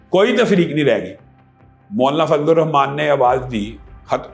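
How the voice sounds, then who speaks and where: A man's voice: mid-range voice, a little mellow. A man from Pakistan, a religious scholar answering interview questions emphatically and often asking rhetorical questions.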